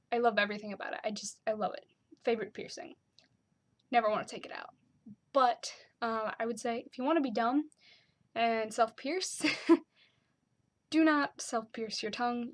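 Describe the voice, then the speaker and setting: A young woman chatting casually to her camera, with lots of "like" and "um" fillers. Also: on the high side. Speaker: vlogger.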